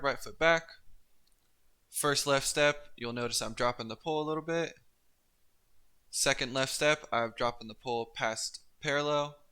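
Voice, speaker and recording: A man giving instructional narration as a coach, explaining each step in a careful, unhurried way. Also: mid-range voice, pushed and bright, smooth. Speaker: pole vault coach and instructor. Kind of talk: instructional narration of technique and demonstrations.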